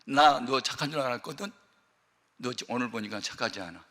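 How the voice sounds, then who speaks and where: A man voicing an angry middle-aged mother who shouts and scolds her son harshly. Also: medium pitch, brisk, big-room sound, natural voice. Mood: tearful scolding.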